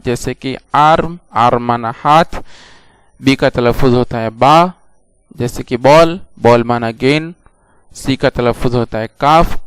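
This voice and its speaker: Slow, clear-voiced male language teacher. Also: mid-range voice, no echo. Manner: patient, repeats each letter and example. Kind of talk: slow, deliberate classroom instruction.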